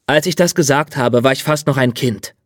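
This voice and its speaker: A man's voice: medium pitch, normal speed, no room sound, clean studio sound, natural voice. Man reading as a wary, guarded young man. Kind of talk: audiobook reading.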